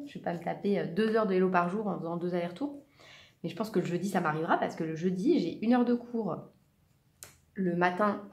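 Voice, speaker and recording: A woman's voice: fairly low pitch, warm tone, slight background noise. A woman in her thirties, a part-time teacher, chatting casually with many fillers and self-corrections while she colors for her vlog. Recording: echoey room.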